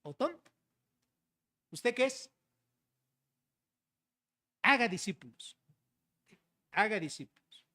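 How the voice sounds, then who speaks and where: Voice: medium pitch, very animated, slow, pauses often, sharp tone. A pastor preaching an expository sermon, speaking directly to the congregation and often adding tag questions to check they follow. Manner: direct, rhetorical questions, frequent "¿verdad?" tag; explains verses to the congregation, addressing them as brothers.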